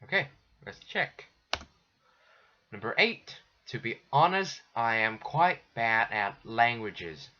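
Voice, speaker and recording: Going through a textbook lesson as an English teacher, a man speaks at a medium pitch with big pitch swings and a pushed, bright tone. He is slow and patient, often beginning again, and the recording quality is dull and lo-fi.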